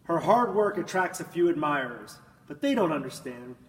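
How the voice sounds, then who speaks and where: A man reading a children's picture book aloud in an expressive, dramatic manner, drawing out words and swelling with emphasis. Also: a little high, moderate pace. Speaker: storybook reader. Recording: echoey room, distant mic, faint noise.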